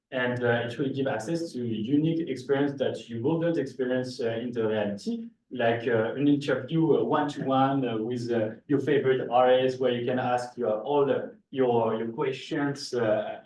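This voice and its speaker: A man's voice: mid-range voice, darkish tone. A man with a strong French accent, an art gallery founder answering on a panel with many hesitant fillers. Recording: echoey room, distant mic, faint noise.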